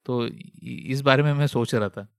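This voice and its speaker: Smooth-voiced man musing aloud hesitantly. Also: mid-range voice, a little slow, dry recording, studio quality. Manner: thinks aloud hesitantly, with many fillers and restarts. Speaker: podcast co-host. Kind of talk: casual chat.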